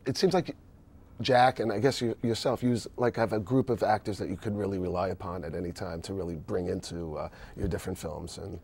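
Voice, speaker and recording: Low-voiced male talk show host. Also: fairly even intonation, brisk, a little mellow, breathy edge. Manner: hesitant, many fillers and restarts. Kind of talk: casual interview chat.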